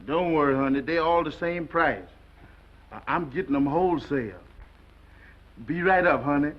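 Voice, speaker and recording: A man's voice: a little high, moderate pace, a little hiss or hum, natural voice. An actor playing a plain-spoken, affable working man in a 1930s comedy film. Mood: affectionate. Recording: dull 1930s film sound with music.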